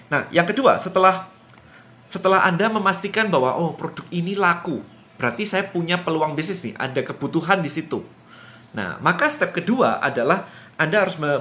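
A man giving a casual spoken lesson on digital business, chatty and full of quick everyday examples. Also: fairly high pitch, pushed and bright. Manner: chatty, explains with quick everyday examples and acted-out customer quotes. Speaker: business coach.

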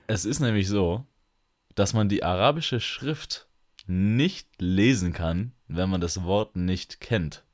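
Male podcast co-host, very low voice, casual slangy banter. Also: takes it slowly. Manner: joking, laughs often, slangy. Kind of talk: casual chat.

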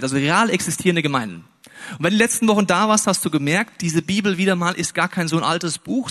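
Male pastor, high voice, animated storyteller in a sermon. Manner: lively storytelling, acts out dialogue in raised voices. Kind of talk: sermon with personal anecdote.

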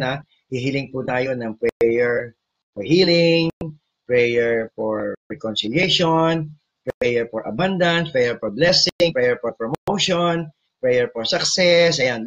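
Loud Filipino preacher, husky lo-fi sound. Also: male voice, mid-range voice. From Philippines. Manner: switches between Tagalog and English, asks the audience questions; loud, emphatic delivery. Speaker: preacher leading online prayer. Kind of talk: sermon and prayer.

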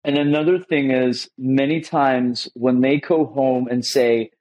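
A man's voice: medium pitch, fairly even intonation, a little mellow, lo-fi sound. A male podcast host in casual interview chat, who stumbles and repeats words as he gets going. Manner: halting, repeats words as he starts.

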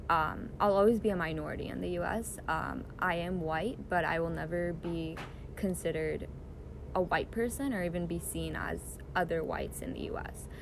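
A young woman with a lower, gravelly voice answers questions earnestly, leaning on fillers as she thinks. She is recorded on a phone outdoors in a backyard. Clear hiss runs under her voice. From Israel, raised in the US. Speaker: interviewee. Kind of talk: casual interview answers.

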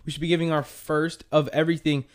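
Casting: young male podcast host, slightly high voice, loose rambling chat. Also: level tone, fast, clean tone. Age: young adult. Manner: rambling, says "dude" a lot. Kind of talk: casual chat.

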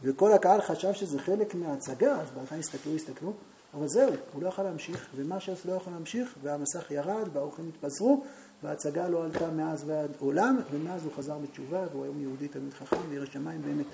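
A man teaching a Talmud class, telling a story to his students and turning to them with questions, now and then rising into loud, animated outbursts. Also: a little high, gravelly, a little hiss or hum.

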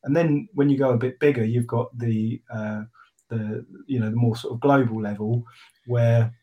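A man in a casual discussion, explaining his point slowly and haltingly through analogies, with many pauses and fillers. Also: mid-range voice, steady tone, highs cut off.

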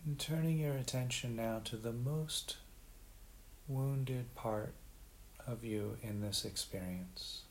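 A man leading a guided meditation in a gentle, unhurried way, leaving long pauses. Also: mid-range voice. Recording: faint background hiss.

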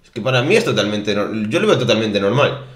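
A man's voice: lowish voice, sing-song, fairly quick. A young man from Spain co-hosting a podcast, chatting casually and rambling with frequent restarts. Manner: rambling, restarts often, says "tío". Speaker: podcast co-host. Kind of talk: casual chat. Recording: roomy echo.

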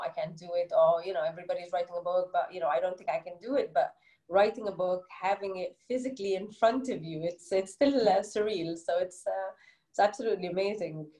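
As a guest, a children's book author, a middle-aged Egyptian woman with an Egyptian English accent, responds earnestly to interview questions with frequent "you know" fillers. Her mellow, mid-range voice sounds reverberant in a rough recording.

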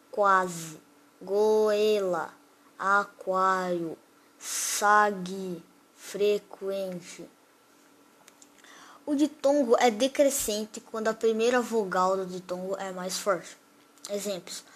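A woman presenting a grammar lesson, reading definitions aloud and slowly listing example words one by one. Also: medium pitch, fairly even intonation, darkish tone. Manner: reads definitions and word lists slowly, one example at a time.

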